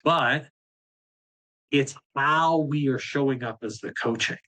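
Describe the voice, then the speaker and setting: A man's voice: mid-range voice, slow, bright, forceful tone. A man coaching a live group session, talking in a direct, blunt and fired-up way with casual swearing. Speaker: business coach.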